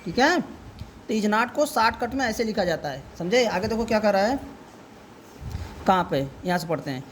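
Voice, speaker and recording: A man giving a home tutoring lesson, reading English word by word for a child to repeat and explaining slowly and patiently. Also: high-pitched, expressive, a little hiss or hum. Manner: slow, careful explaining.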